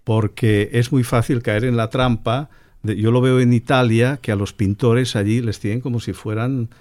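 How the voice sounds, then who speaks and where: A man's voice: medium pitch, steady tone, normal speed, darkish tone. Hesitant middle-aged man, many restarts. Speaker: guest painter. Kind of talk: radio panel talk.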